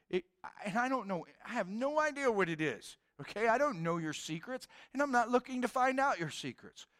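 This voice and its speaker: A man preaching a sermon in a casual, animated way, with slang and acted-out quotes. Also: high voice. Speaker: pastor.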